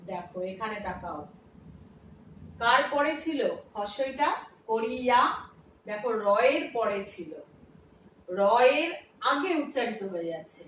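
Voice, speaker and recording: Recorded from a distance in an echoey space with faint noise, a woman teacher takes a lesson step by step, raising questions and answering them herself. Her voice is fairly high and animated, and she speaks at a measured pace with frequent pauses.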